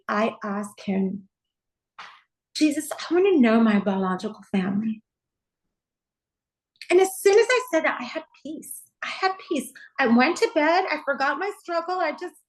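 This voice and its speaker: A middle-aged woman from Texas speaks as a pastor giving her testimony. Her voice sits high, and she tells the story in an earnest, heartfelt way, often dropping in "you know" as she goes. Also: big pitch swings, normal speed, poor audio. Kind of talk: personal testimony in a conversational interview.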